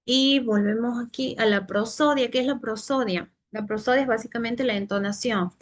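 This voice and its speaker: A woman giving a teacher training presentation on reading, explaining in steps with frequent "eh" pauses and restarts. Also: a little high. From Santiago del Estero, Argentina.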